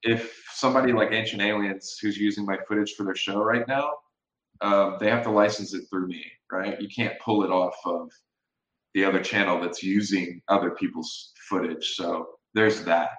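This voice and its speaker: A man talking as a guest over a video call, casual and halting, often restarting his sentences. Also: on the low side, fairly even intonation, a bit bright, roomy sound, poor audio. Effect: heard over a video call. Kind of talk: casual chat.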